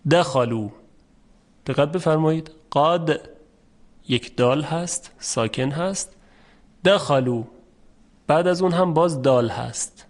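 Guy teaching recitation rules, patient, repeats examples slow, kinda high voice. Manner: patient, explains step by step and repeats examples slowly. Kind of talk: formal spoken lesson.

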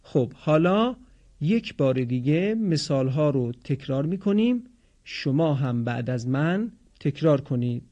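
A man teaching Quran recitation in a pronunciation lesson, explaining patiently and sounding out model words slowly for listeners to repeat. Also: a little high, very animated, warm tone, muffled recording.

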